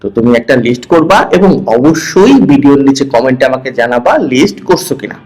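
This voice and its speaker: A man teaching a primary-school English lesson, reading each English phrase and explaining it, often checking in with a quick question. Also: medium pitch, animated, darkish tone, low-quality recording. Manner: reads English phrases and translates each, asking "hmm?" to check. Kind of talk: online lesson, explaining textbook exercise.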